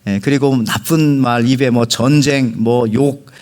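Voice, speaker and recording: Joking pastor preaching a sermon. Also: male voice, mid-range voice, steady tone, unhurried, a little mellow. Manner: humorous storyteller, addresses the congregation directly. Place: church sanctuary.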